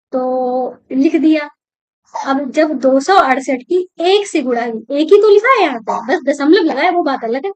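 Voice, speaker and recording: A woman, teaching a maths lesson patiently, asking questions and answering them herself. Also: sits high. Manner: patient, repetitive, asks and answers own questions.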